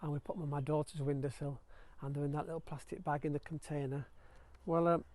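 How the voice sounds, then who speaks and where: A middle-aged man with a Yorkshire accent, chatting excitedly to the camera while gardening outdoors at his allotment, recorded on a clip-on mic. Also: a little high, fast talker. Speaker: allotment vlogger. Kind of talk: casual gardening vlog. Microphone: clip-on mic with lead.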